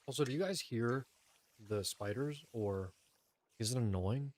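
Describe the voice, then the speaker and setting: A man's voice: mid-range voice, measured pace, darkish tone. A man streaming a game, chatting casually with his chat and eating a meal at his close desk mic. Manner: chatty, eats on mic while talking to chat.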